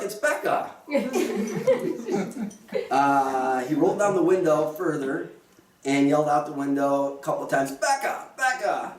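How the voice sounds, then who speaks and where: A middle-aged man officiates his son's wedding, spinning jokey anecdotes and chuckling as he goes. His voice sits at an ordinary pitch and echoes through a roomy venue. He sounds set back from the mic, with a faint hum of ambience behind him. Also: darkish tone, far from the mic. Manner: joking, anecdotal, often chuckling. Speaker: father of the groom officiating a wedding. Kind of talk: wedding speech.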